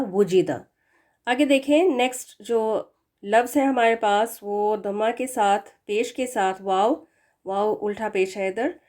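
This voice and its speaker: Slow, careful woman teaching pronunciation. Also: a little high, a little mellow. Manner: slow, drawn-out demonstration of sounds; explanatory, correcting common mistakes. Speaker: tajweed teacher. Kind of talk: Quran pronunciation lesson.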